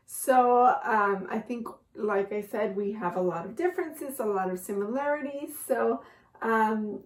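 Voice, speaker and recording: A young woman co-hosts a casual talk show. Her voice sits slightly high, and laughs often break into her easy, relaxed chat. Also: unhurried. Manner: laughs often while talking. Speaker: co-host.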